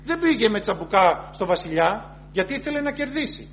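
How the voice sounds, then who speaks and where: A high-pitched man delivers an earnest sermon. He repeats and rephrases each point and reads scripture aloud before he explains it. A faint hum runs under the recording. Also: very animated, a bit bright. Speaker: preacher.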